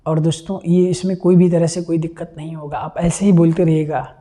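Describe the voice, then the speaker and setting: A man's voice: on the high side, flat delivery, brisk, dark tone. A man teaching a live online vocabulary class, explaining patiently, repeating key words and checking that students understand.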